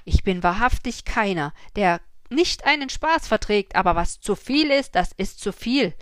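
A woman voicing an indignant peasant father who shouts his complaint in a storybook reading. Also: mid-range voice, expressive, a little slow, clear, resonant tone, no echo, studio quality, lightly acted. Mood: furious. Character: angry peasant father, middle-aged man, loud.

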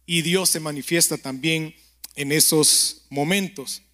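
A man preaching a conversational sermon and prayer, telling stories, speaking straight to the listener and often checking in with a quick question. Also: a little high, steady tone, sharp tone. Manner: keeps asking the listener "¿verdad?".

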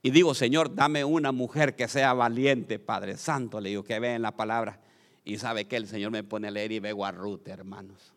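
A man from Honduras preaching a lively sermon as pastor, calling out to the congregation with joking asides. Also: on the low side, moderate pace, long reverb tail.

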